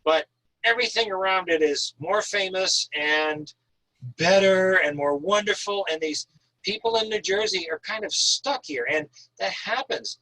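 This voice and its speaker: Reading from and discussing his own thriller, this Northern Maine author speaks informally about writing. He has a high voice, a little slow, with a bright, forceful tone. The audio is poor.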